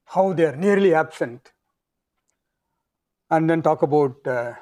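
A man with a South Indian accent giving an academic physics lecture in halting phrases with pauses. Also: a little high, a little mellow.

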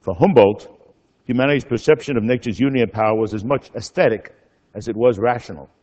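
An older man giving a public academic lecture in a genial, halting way. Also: mid-range voice, a little mellow. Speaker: professor, guest lecturer. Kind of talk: public lecture, loosely scripted. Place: speaking at a public lecture event. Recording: slightly dull, muffled lecture recording.

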